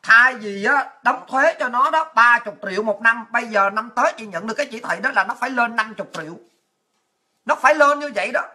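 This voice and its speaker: Woman commentator, sharp bright tone, swearing, crude and heated delivery. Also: fairly high pitch, expressive, fairly quick. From Vietnam. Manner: blunt, crude, fiery, swears a lot. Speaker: political commentator. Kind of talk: impassioned political rant to viewers.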